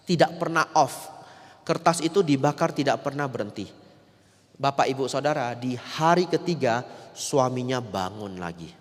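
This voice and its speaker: A man, a Buddhist monk, telling a story in a sermon, speaking straight to his listeners and swinging between loud and soft. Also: fairly high pitch. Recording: echoey hall.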